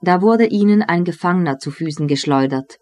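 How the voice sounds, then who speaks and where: A reader giving a measured, deliberate reading of a novel as an audiobook. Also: mid-range voice, dry recording.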